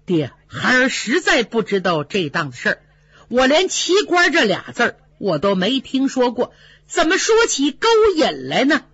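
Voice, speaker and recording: A woman voicing a frightened young nobleman son who pleads and dodges in a high, nervous voice. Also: huge pitch swings, moderate pace, fairly bright tone, breathy edge, dry recording, lo-fi sound, full character voice. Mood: pleading.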